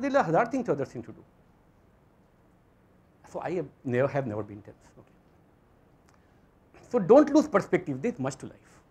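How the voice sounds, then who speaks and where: A man with an Indian accent giving a motivational lecture to students, emphatic, repeating phrases and asking rhetorical questions in a husky voice. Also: sits high, darkish tone. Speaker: physics lecturer. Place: auditorium stage.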